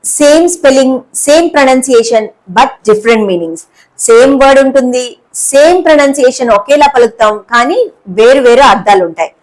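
A woman teaching an English lesson in Telugu, explaining words and repeating key terms slowly. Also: on the high side, low-quality recording.

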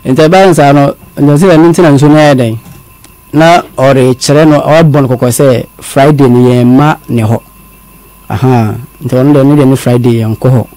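A man from Ghana telling his story as a guest, halting and repeating words, mixing in English phrases. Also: mid-range voice, warm tone, no echo. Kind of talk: confessional storytelling.

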